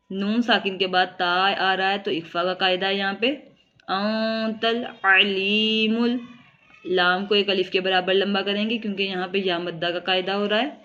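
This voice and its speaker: A woman teaching tajweed. She explains each rule step by step and recites words slowly and drawn out. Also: mid-range voice, a bit bright, highs cut off. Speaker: Quran teacher. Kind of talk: tajweed lesson.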